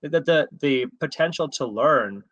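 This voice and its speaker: A man's voice: a little high, lively intonation, a little slow, fairly bright tone, dry recording, lo-fi sound. A man co-hosting a casual podcast, talking in a thoughtful, reflective way.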